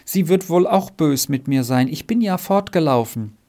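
A man's voice: on the high side, lively intonation, normal speed, mellow. A man reading aloud voices a homesick, miserable boy who groans in despair in a storybook.

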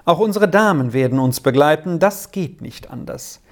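A reader playing a decisive middle-aged professor who speaks briskly and cheerfully. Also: medium pitch, lively intonation, natural voice. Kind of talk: audiobook character voice.

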